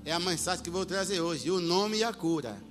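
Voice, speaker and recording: A man preaching a sermon, telling a story with animated delivery, acting out voices and sometimes shouting. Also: high voice, a little fast. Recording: long hall reverb with faint music.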